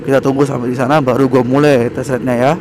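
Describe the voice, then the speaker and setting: A young motovlogger chats excitedly and quickly in a medium-pitched voice while riding a motorbike on city streets. His helmet-mounted action camera picks up loud wind and traffic noise.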